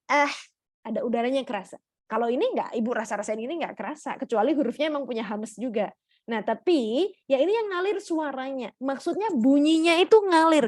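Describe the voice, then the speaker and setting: A woman's voice: high-pitched, darkish tone, dry recording, clean studio sound. A woman with an Indonesian accent teaching Quran recitation in an online class, patiently explaining and demonstrating letter sounds while checking in with her students.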